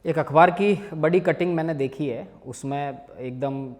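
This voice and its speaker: A man's voice: fairly high pitch, measured pace, darkish tone, long reverb tail. A man hosting an interview, asking short prompting questions. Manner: brief prompting, frequent listening hums. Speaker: interview host.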